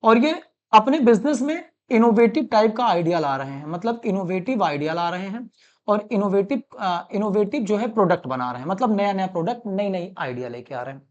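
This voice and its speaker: A man's voice: sits high, lively intonation, brisk, muffled recording. A male commerce teacher from Allahabad gives a lecture. He repeats each point and calls his students "beta". He mixes English terms into his explanations. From Allahabad, India. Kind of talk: classroom-style lecture.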